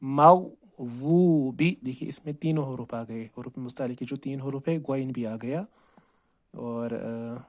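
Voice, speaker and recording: A man teaching Quran recitation. He asks and answers his own questions and repeats words slowly, drawing out each sound to show how to say it. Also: medium pitch, dark tone, dry recording. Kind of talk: tajweed lesson on letter pronunciation.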